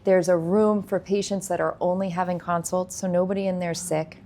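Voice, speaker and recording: A woman telling a long story in a casual interview, animated, acting out what other people said. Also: on the low side, brisk. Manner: animated storyteller, acts out quoted speech. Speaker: guest, nursing company founder.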